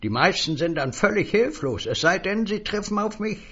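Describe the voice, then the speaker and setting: A man voicing an eerie, mocking little male word-seller in a high, sly, husky voice for a read story. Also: big pitch swings, moderate pace, fairly bright tone, highs cut off, full character voice.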